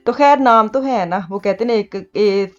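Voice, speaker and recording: Middle-aged Punjabi-accented woman, casual home vlogger, mid-pitched, chatty and rambling, slightly muffled audio. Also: moderate pace. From Pakistan. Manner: chatty, laughs often, mixes Punjabi words into her talk. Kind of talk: casual chat. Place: home kitchen.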